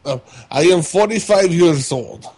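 A man acts out a Ukrainian convict and fighter with a Russian accent. He is boastful and aggrieved, speaking bluntly in stilted phrases. The voice sits a bit high for a man, in a dry, close sound. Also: lively intonation, a little slow, a little mellow, husky, no echo. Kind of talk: prank phone call character acting.

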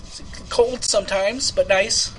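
A man voices an unhinged rich young man who rambles through a prank call, stuttering and restarting constantly. His voice sits somewhat high and sounds bright and forceful. Faint noise hums under the line. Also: a little slow, low-quality recording. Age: 20s. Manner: rambling, stammering, full of fillers. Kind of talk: prank call comedy bit.

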